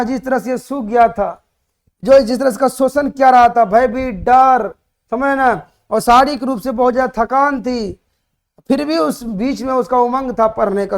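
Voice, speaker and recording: A man explaining a story chapter to students for their board exams. He retells it in lively bits, acts out the characters' shouts and keeps asking his students questions. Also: very high-pitched. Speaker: teacher.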